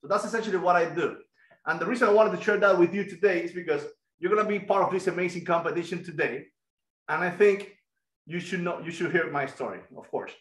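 A middle-aged man with a Cuban Spanish accent giving an energetic online math lesson and quizzing students over a video call headset. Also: sits high, fast talker, echoey room, poor audio. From Cuba. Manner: energetic, asks students questions. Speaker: guest lecturer.

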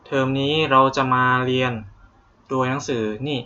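A man's voice: medium pitch, completely flat delivery, moderate pace, bright, forceful tone. A young Thai man teaching English vocabulary to students in a playful, joking way, with a Thai accent. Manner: playful, jokey, drills English words with exaggerated pronunciation. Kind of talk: online vocabulary lesson. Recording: dull lo-fi home recording.

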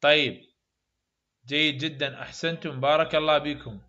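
Bright Iraqi teacher drilling sounds. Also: male voice, a little high, fairly even intonation, dull audio. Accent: Iraqi Arabic. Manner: repeats sounds slowly, praises students often. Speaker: English phonetics teacher. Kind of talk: classroom pronunciation drill.

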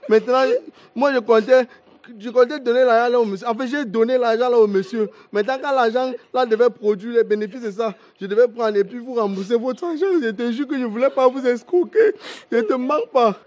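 A man's voice: extremely high pitch, brisk, a little mellow, muffled recording. A young man playing a son who stammers and pleads with his mother in a comedy web series. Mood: pleading. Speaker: eldest son accused of a scam.

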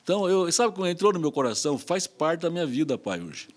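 A man, chatting as an interview guest in a halting, repetitive, anecdotal way. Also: a little high, big pitch swings. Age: 60s. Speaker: guest, president of a charity association. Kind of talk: casual interview conversation. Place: small podcast studio, indoors. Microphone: tabletop microphone on stand.

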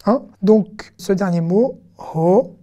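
Teaching Hebrew online, this woman speaks in an animated, mid-range voice with a dark tone. She's patient, slowly repeating syllables and sounds and checking that her listeners are with her.

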